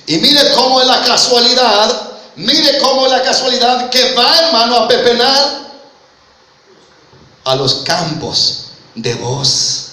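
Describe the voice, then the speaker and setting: A man's voice: very high-pitched, expressive, slow pace, long pauses, pushed and bright. A man preaching an impassioned sermon, retelling a Bible story and often addressing listeners as brother. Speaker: pastor. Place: church. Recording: echoey church hall with faint noise.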